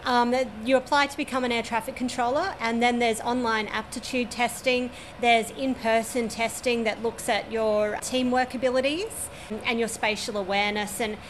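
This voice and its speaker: Her pitch is fairly high and her intonation fairly even; she keeps a moderate pace and hardly pauses at all. She's a forties-aged Australian air traffic controller giving detailed, no-nonsense interview answers at a regional airport that overlooks the runway.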